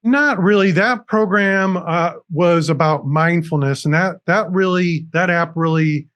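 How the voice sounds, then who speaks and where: An earnest man whose voice sits a little higher than most men's, explaining his methods step by step and restarting his sentences often. He speaks as an interview guest over a video call. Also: unhurried, fairly bright tone. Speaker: recovery coach guest. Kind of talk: interview on a TV show. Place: room with dragon decorations behind him.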